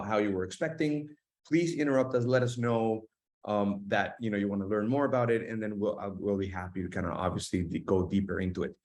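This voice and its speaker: A man hosting an online webinar from an office, talking with many fillers and restarts. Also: lowish voice. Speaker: host. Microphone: video call.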